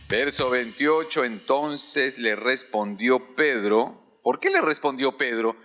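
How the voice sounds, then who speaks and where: A man's voice: mid-range voice, animated, takes it slowly, sharp tone, soft background music. A male pastor preaching a sermon in a church, calling out hallelujah and having the congregation repeat phrases after him.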